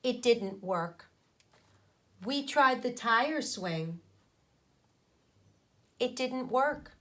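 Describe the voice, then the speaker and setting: An elementary school teacher with a slightly high, expressive voice reads a children's book aloud. Along the way she interrupts to explain and pauses to quiz the young listeners in a didactic manner.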